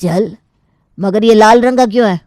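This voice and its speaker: A cranky middle-aged neighbor in a cartoon, voiced by a woman sounds indignant and suspicious. The voice sits at a middle pitch with a dry, close sound. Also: normal speed, dark tone, dry recording, close to an everyday voice.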